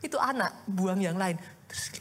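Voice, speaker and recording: A woman pastor preaching a sermon in a lively, conversational way, full of rhetorical questions and direct address to the congregation. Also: mid-range voice, normal speed, slight background noise. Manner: addresses the congregation often as "Saudara".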